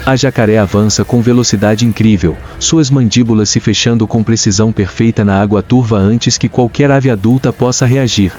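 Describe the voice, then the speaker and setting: A man with a Brazilian accent reads scripted nature documentary narration in a measured, dramatic storytelling way. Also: on the low side, steady tone, darkish tone. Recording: dull lo-fi sound with music. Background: clear background music.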